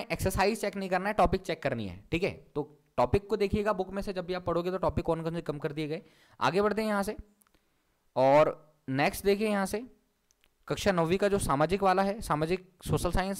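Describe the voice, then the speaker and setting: A man teaching an online class, walking viewers through a document and repeating his instructions again and again. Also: high-pitched. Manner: repeats points over and over, instructing.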